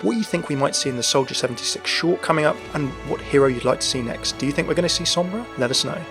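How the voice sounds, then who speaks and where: This gaming-channel host is a young man reading scripted lore commentary with enthusiasm. His voice sits a little high and sounds fairly bright. It's recorded dry and close over background music.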